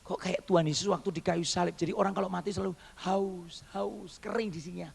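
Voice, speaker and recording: A man's voice: high voice, steady tone, brisk, vocal fry, breathy edge, big-room sound. A male pastor telling a testimony in a sermon, animatedly acting out the voices he quotes.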